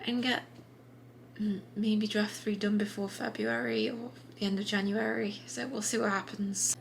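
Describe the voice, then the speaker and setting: A woman chatting casually in a writing vlog from her desk at home, relaxed and full of little fillers and restarts. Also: medium pitch, gravelly, slight background noise. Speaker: writing vlogger.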